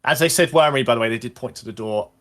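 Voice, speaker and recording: A man narrating as game master in a tabletop role-playing session, describing scenes with frequent pauses and fillers. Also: mid-range voice, fairly bright tone.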